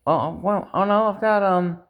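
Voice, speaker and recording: Recorded with dull audio, a man whose voice sits high talks at a moderate pace in a rambling confessional to camera. As a personal vlogger he's upset and dejected, swearing often while venting self-critical frustration.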